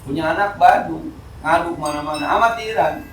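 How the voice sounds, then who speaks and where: Man, Jakarta Betawi accent, informal mosque sermon, lively swings in loudness, echoey hall, faint room hum. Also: on the high side, moderate pace. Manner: lively, jokey, swings between loud and soft. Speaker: ustadz giving a mosque study lecture. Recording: echoey hall, speaker far from mic.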